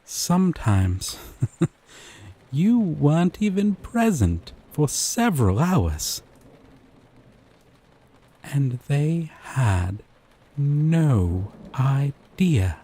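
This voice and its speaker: Voicing an obsessive, possessive but gentle dating-sim character, this man delivers an intimate monologue breathily, with soft tones and long pauses. He pitches his voice fairly high in a very animated, exaggerated way, sounding amused and disdainful.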